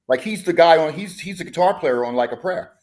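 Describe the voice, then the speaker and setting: A man's voice: a little high, expressive, a little fast, a little mellow. Rambling man chatting on a podcast. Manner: rambling, many fillers and restarts. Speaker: guest musician, bandleader. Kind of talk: casual podcast chat.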